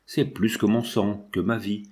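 A man's voice: on the low side, flat delivery, unhurried, a little mellow, close to an everyday voice. Man reading as a solemn, grieving old father. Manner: solemn, tender, pleading. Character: old tender grieving father, peasant exile. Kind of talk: audiobook reading.

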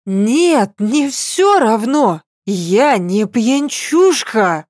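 A woman's voice: fairly high pitch, big pitch swings, a little mellow, no echo, studio quality, voice pushed up, heavily acted. A woman voicing a tipsy, stubborn young woman who drags out her words and insists indignantly. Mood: tipsy insistent. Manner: drawn-out, slurred, indignant insistence.

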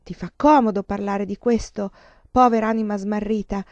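A woman's voice: mid-range voice, fairly even intonation, moderate pace, darkish tone, no echo, close to an everyday voice. A woman voicing a proud, despairing woman who speaks with anguish and pleading, in a dull lo-fi recording.

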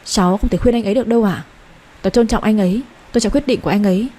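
A woman's voice: medium pitch, rapid-fire, warm tone, close to an everyday voice. A woman voicing a timid young heroine who speaks politely and pleads anxiously. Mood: pleading.

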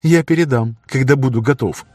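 A man's voice: mid-range voice, brisk, darkish tone, no echo, studio quality, natural voice. A man voicing a stubborn, wounded male arena fighter who answers defiantly through gritted teeth, in an audiobook. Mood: cheeky.

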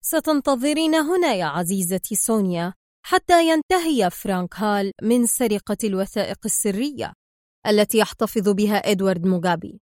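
A woman voicing a calm, sarcastic male secret agent hero. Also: medium pitch, brisk, dry recording, studio quality, lightly acted. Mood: calm mocking.

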